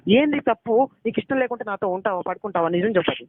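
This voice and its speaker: A young man with a high voice argues heatedly on the phone, talking very fast as he pleads, accuses and asks the same questions over and over. The recording is dry and tinny, as from a phone call.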